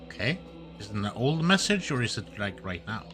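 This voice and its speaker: A man's voice: fairly low pitch, very animated, brisk, over music. A male streamer giving live commentary on a game and muttering to himself while he plays.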